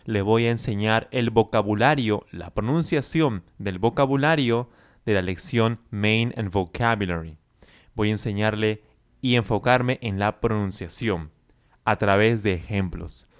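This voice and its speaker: Male Spanish coach, unhurried and crisp, patient and encouraging. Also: on the low side. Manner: slow, carefully enunciated teaching with encouraging praise. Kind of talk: language lesson with repeat-after-me drills.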